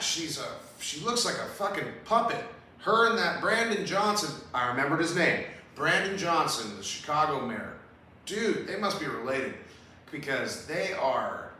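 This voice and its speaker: A man's voice: fairly high pitch, animated, unhurried, sharp tone. A man hosting a podcast, ranting casually about politics in a profane, rambling, heated way. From Southern California. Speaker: podcast host. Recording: roomy, distant mic with faint hiss.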